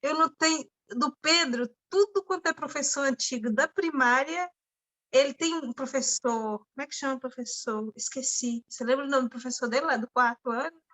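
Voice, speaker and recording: Woman, high, bright tone, animated storytelling. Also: moderate pace. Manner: animated storytelling with quoted lines and laughter. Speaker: class participant. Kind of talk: casual chat.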